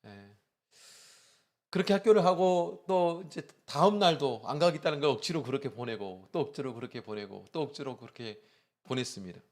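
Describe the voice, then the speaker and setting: A man's voice: medium pitch, animated, a little fast, darkish tone. A male pastor preaching a sermon in church, telling a story with frequent "uh" fillers and rising emphasis.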